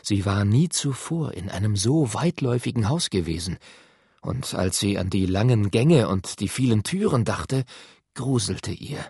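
A man tells a children's story in a husky voice, with lively, rising and falling pitch. The recording is close and dry, as from a studio mic. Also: a little slow, no echo. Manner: expressive storytelling. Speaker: audiobook narrator. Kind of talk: scripted narration.

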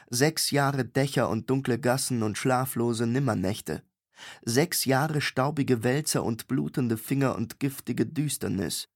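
Measured male fantasy narrator. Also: mid-range voice, dry recording, studio quality. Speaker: audiobook narrator.

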